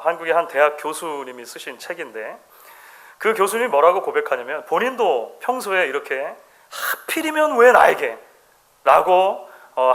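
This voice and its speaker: A middle-aged man preaching a sermon in a church, his voice bright and lively with wide swings in pitch. He tells everyday stories and acts out the quoted lines, stretching them slowly for emphasis. His voice sits a bit high for a man. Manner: storytelling, quotes voices with dramatic slow emphasis. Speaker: pastor. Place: church sanctuary.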